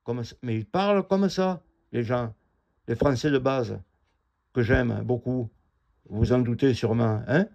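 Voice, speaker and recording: A middle-aged man telling his own grievance in a halting, indignant ramble full of fillers and restarts. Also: medium pitch, vocal fry, darkish tone. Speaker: vlogger telling a personal grievance. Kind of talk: rambling first-person account. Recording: dull lo-fi audio.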